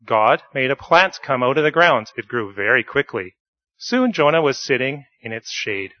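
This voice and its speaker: Brief: church storyteller for kids, mid-pitched man, playful sound effects, dull, dry recording. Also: big pitch swings, normal speed, dry recording. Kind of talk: children's sermon storytelling.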